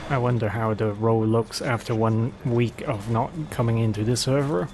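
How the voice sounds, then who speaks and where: A man's voice: medium pitch, fairly even intonation, normal speed, over music. A man streaming a video game, talking himself through his choices in a casual, thinking-aloud commentary.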